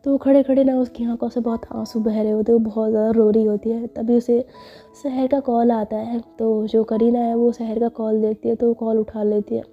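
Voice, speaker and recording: A woman's voice: a little high, level tone, normal speed. A woman narrating a story casually and chattily, with frequent fillers. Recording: slightly dull with faint music.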